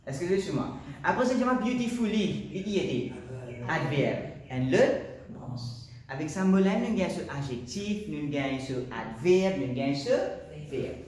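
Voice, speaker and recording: A man's voice: fairly high pitch, big pitch swings, unhurried, darkish tone. A man with a Mauritian accent teaching a class, asking questions and repeating students' answers. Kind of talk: classroom lesson. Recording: echoey classroom from far off.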